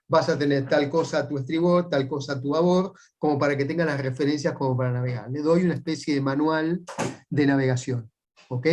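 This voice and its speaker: A man with a Rioplatense Spanish accent walks a class through navigation methodically. His voice sits a little on the high side, and he keeps checking in with short rising tags after each point. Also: darkish tone. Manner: patient, methodical step-by-step explaining. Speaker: sailing instructor. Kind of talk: explanatory class lecture.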